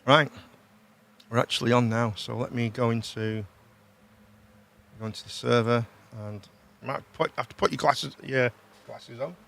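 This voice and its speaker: A man's voice: mid-range voice, fairly even intonation, normal speed, creaky, long pauses, fairly bright tone. A British man hosting a casual livestream, chatting informally, repeating himself and often ending on tag questions. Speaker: host.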